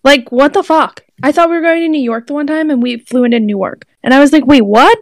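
A young woman chats on a casual podcast in a fairly high voice. She talks bluntly and swears offhandedly. Her mic sounds dry and close. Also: fast talker, no room sound. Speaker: podcast co-host. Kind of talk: casual chat.

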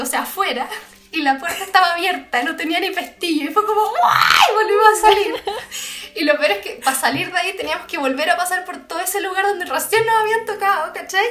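High-voiced Chilean woman telling a scary story. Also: roomy sound. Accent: Chilean Spanish. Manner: animated, slangy, acts out voices and screams.

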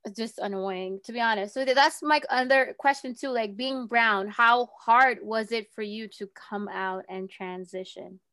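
A woman's voice: fairly high pitch, moderate pace, hardly any pauses, bright, forceful tone, no echo. A young woman hosting a casual chat, talking freely with many fillers. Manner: chatty, frequent "like" fillers.

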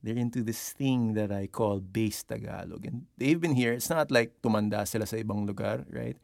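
Filipino guy rambling on his podcast, swears a lot, kinda gravelly, dry mic. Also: on the low side, moderate pace, darkish tone, no echo. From Philippines. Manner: rambling, profane, switches between English and Tagalog. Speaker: podcast host. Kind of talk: casual podcast monologue.

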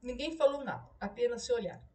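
Brief: female audiobook narrator, steady read, high voice, mic set back. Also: fast talker, recorded from a distance. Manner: steady, even-paced reading.

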